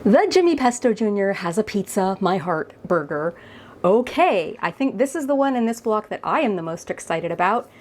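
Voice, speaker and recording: A woman's voice: medium pitch, big pitch swings, moderate pace, darkish tone. A woman food vlogger chatting enthusiastically during an on-camera taste test, sometimes talking while she chews.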